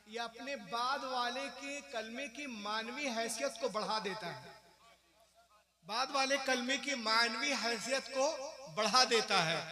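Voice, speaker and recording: A man from India giving a religious sermon to a large gathering. He recites Arabic verses slowly and then explains them. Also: very high-pitched. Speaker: religious speaker. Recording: echoey sound with crowd.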